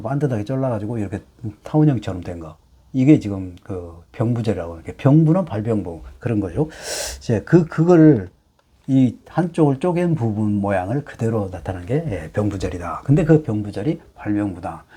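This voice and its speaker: A middle-aged man teaching hanja in a lecture, explaining slowly with many fillers and rhetorical questions. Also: mid-range voice, mellow, husky.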